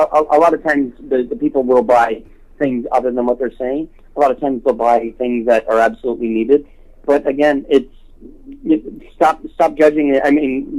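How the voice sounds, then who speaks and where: Over the telephone, a homelessness awareness activist speaks as an interview guest, making his case in spontaneous, earnest, halting talk and often repeating words. His voice is medium-pitched and dark in tone, and the audio is poor.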